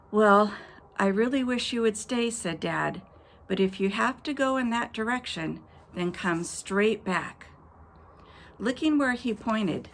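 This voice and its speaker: Reading an adventure tale to children, a woman pastor uses her creaky, mid-range voice expressively, voicing each quoted character and stopping now and then to address the kids. Slight background noise can be heard.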